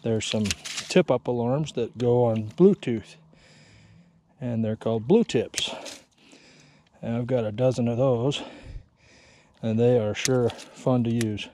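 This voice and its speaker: Speaking slowly in a medium-pitched, dark-toned voice, a man walks through his ice fishing setup outdoors on a frozen lake. His casual how-to is plainspoken and self-mocking, captured by an action camera he's wearing.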